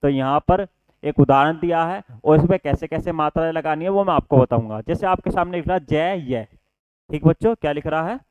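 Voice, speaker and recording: A man's voice: a little high, a little fast, darkish tone, clear, resonant tone, no echo, highs cut off. A man teaching a Hindi lesson for exam preparation. He explains each point step by step, often asks his students a question and answers it himself, and keeps saying "okay" to check they follow. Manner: addresses students as children, repeats "ठीक है". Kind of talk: online exam-prep lesson.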